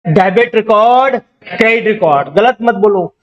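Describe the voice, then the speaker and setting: A man's voice: high-pitched, moderate pace, highs cut off. A man teaching accounting to a classroom, drilling students with repeated questions and teasing them when they don't know. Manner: teasing, scolding banter with the class. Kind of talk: classroom lecture.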